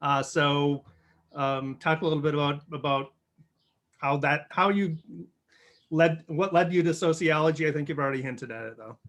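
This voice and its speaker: A man hosting an interview show, friendly and halting, often restarting his questions. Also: a little high, a bit bright. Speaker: podcast host.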